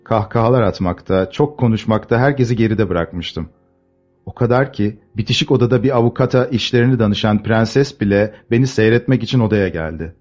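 A man narrating a classic novel as an audiobook, measured and expressive. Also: on the low side, faint music behind.

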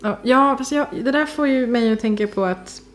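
A young woman co-hosting a podcast, speaking thoughtfully and searching for words with many fillers. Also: on the high side. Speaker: podcast co-host. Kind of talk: casual discussion.

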